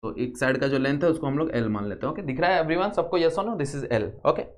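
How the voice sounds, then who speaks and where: A young man with an Indian accent giving a physics lesson, going slowly step by step and often asking the class yes or no. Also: a little high. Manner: repeats steps, quizzes students often. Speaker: physics teacher. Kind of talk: classroom lecture.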